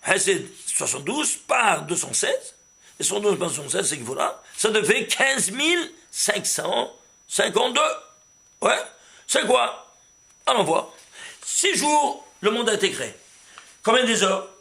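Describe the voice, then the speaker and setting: A man teaching a kabbalah class as rabbi, asking his students questions and rising to excited exclamations. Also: high voice, a little slow, gravelly. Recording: echoey room, faint hum.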